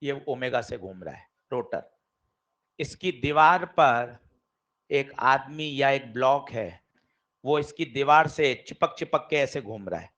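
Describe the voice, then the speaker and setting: A man teaching a physics class, lively and quizzing his students directly. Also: mid-range voice, takes it slowly. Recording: dull lo-fi classroom recording.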